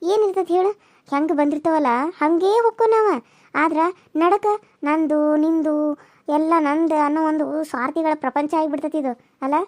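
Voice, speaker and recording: A caring older village woman from a cartoon serial, put on by a woman. Her voice is high but a little lower than the girl she comforts, and she speaks on a dry, close mic. She consoles and lectures in a firm, steady way. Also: fairly quick, dry recording, close to an everyday voice. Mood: reflective.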